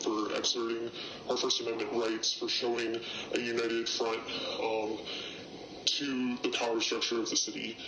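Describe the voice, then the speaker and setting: An anonymous protester giving a halting personal account, with many pauses and fillers, through a voice distortion that hides their identity. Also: mid-range voice, roomy sound, background noise. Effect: voice distorted to hide identity.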